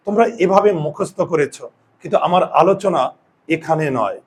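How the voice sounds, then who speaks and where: A man's voice: sits high, slightly rough. A male Bengali grammar teacher giving a classroom spelling lesson, explaining step by step and answering his own questions, with students in the room.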